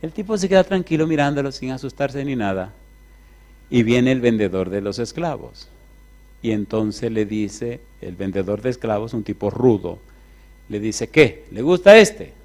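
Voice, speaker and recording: Male preacher, sermon storyteller, mid-pitched voice, animated and drawn-out.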